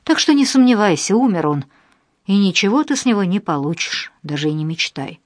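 Woman voicing a bold, sharp older heroine. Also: on the low side, animated, moderate pace, slightly rough, dry recording, clean studio sound. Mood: defiant. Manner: bold, mocking.

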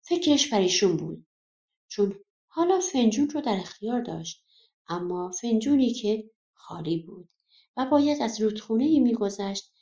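Woman reading a fairy tale aloud, soft and mellow, echoey room. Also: on the high side, big pitch swings. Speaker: audiobook narrator. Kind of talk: storybook narration.

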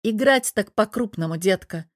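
A woman's voice: medium pitch, lively intonation, normal speed, no echo. A middle-aged woman narrating an audiobook in the first person, blunt and sardonic. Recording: dry close studio sound.

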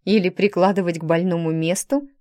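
A woman's voice: lowish voice, steady tone, fairly quick, close to an everyday voice. A woman doing a bossy, friendly hospital doctor. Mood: friendly, curious. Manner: warm and teasing, turns stern and commanding.

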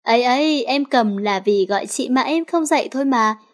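A woman's voice: on the high side, moderate pace, lightly acted. A woman voicing a cheeky teenage girl who plays pranks on her friends, teasing with feigned alarm.

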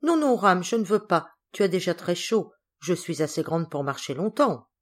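A woman's voice: on the low side, sing-song, moderate pace. A woman voicing an eager, timid little girl who speaks in a pleading way in a storybook reading.

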